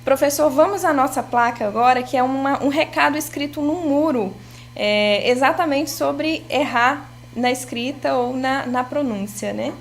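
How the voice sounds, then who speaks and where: A woman's voice: high voice, moderate pace, a little hiss or hum. A woman with a Brazilian accent hosting a TV lesson segment, asking the teacher guiding questions. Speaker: TV show host.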